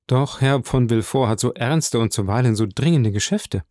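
A man voicing a suave, composed count who speaks with polished, measured courtesy. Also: mid-range voice, a little mellow, dry recording, studio quality, close to an everyday voice. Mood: courteous.

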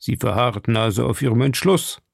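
A cruel male villain who thunders his commands in a raised, forceful voice, as a gravelly-voiced narrator puts him on. The storybook reading is close and dry. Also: mid-range voice, expressive, fairly quick, no room sound, exaggerated voice. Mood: menacing.

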